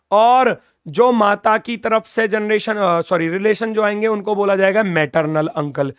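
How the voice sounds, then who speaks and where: A man's voice: high-pitched, a bit bright, clean tone, dry recording, clean studio sound. A young man teaching an exam-prep lesson, patiently repeating key terms and asking his students questions. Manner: addresses viewers as brother, jokes casually.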